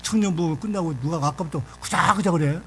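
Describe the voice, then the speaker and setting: An older man preaching a sermon in a church, telling a story in a lively, folksy way. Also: on the high side, a little fast, a little hiss or hum. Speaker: pastor.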